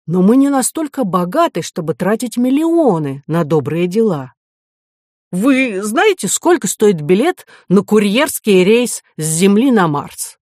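A woman's voice: medium pitch, sing-song, a little slow, a little mellow, no room sound, clean studio sound, pitched above the performer's own voice. A woman voicing a polite, self-assured young male swindler who talks with easy courtesy. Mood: smooth.

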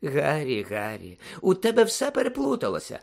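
A man's voice: on the high side, wildly swooping pitch, normal speed, creaky, exaggerated voice. A man voicing a fussy, condescending male government minister who soothes and fusses. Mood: patronizing. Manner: fussing, condescending.

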